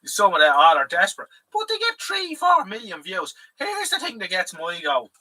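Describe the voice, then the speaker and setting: An Irish man hosts a live stream, rambling casually and swearing freely. His high voice swoops wildly in pitch at a normal speed with a sharp tone, and he sounds a bit far from the mic.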